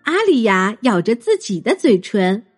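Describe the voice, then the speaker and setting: Woman reading a kids story, high lively voice, slow and gentle, faint music behind. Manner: gentle, expressive. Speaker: children's storyteller. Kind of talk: bedtime story narration.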